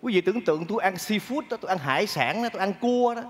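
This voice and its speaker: A man performing a stage comedy sketch, talking straight to the audience in an animated way. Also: high voice, very fast, in a large hall. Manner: animated, addresses the audience directly.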